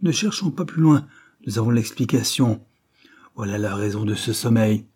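Confident detective, reassuring; read by a man with a dark, husky voice. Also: fairly low pitch, animated, moderate pace. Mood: assured. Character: calm, assured male detective.

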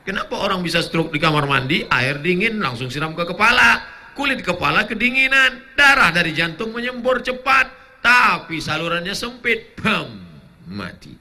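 A man preaching a humorous sermon, joking with the crowd and breaking into chanted prayers and shouts. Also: sits high, moderate pace. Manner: animated, jokey, breaks into chanted Arabic and shouts.

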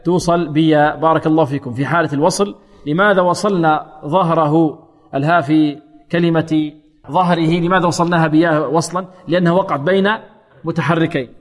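A man teaching Quran recitation, quizzing his students with questions and chanting verses slowly to show the rules. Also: on the high side, fairly even intonation, big-room sound. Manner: asks the class rhetorical questions and then answers them.

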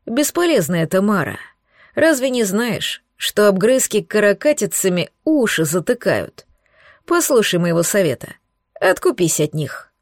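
A woman voicing a lazy, melancholic male sea turtle who talks in a slow, weary drawl. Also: mid-range voice, sing-song, dry recording, clean studio sound.

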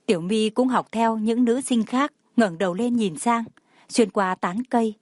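A woman's voice: mid-range voice, no echo. Woman narrating a story, dry close sound. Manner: steady storytelling. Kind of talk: scripted audio-novel narration.

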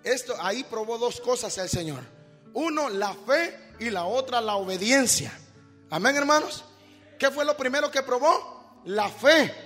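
A male preacher giving a sermon, calling listeners brother and rising to shouts. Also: very high-pitched, animated, measured pace. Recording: long hall reverb with faint music.

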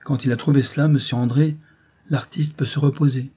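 A man's voice: mid-range voice, fairly even intonation, fairly quick, warm tone, breathy edge, pitched above the performer's own voice, lightly acted. A man voicing a proud young actress who is cold and defiant, giving firm, clipped replies in an audiobook reading. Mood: impassioned.

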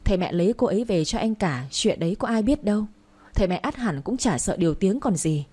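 A woman's voice: medium pitch, lively intonation, a little fast, dark tone, slightly rough. A woman reading the part of a stubborn young man, a village doctor, insisting and pleading with his father. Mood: insistent.

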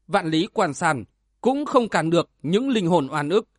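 A man reading aloud as a resigned, sorrowful middle-aged scholar who speaks softly. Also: fairly high pitch, big pitch swings, a little slow, no echo, studio quality. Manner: sorrowful, soft-spoken.

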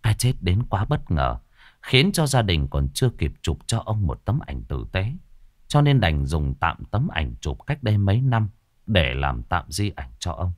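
A man narrating a ghost story in a slow, somber way. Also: low-pitched, big pitch swings. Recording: faint music behind the voice.

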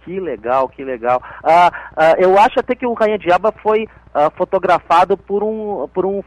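Radio interviewer, man with a gaúcho accent, fairly high voice, dry close sound, halting delivery. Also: lively intonation, no echo, low-quality recording. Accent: gaúcho Brazilian Portuguese. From Piauí, Brazil. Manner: hesitant, full of restarts and fillers.

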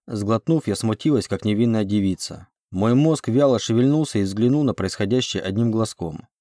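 A man narrating an audiobook chapter in a measured storytelling manner. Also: fairly low pitch, expressive, dark tone, dry recording, studio quality. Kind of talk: scripted narration.

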